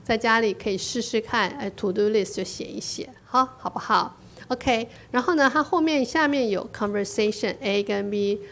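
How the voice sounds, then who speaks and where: Chatty woman English teacher, gravelly edge. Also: fairly high pitch, fairly bright tone, slight background noise. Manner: chatty, tacks a drawn-out "ha" onto phrases; repeats phrases slowly for the listener to echo. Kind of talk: bilingual classroom-style English lesson.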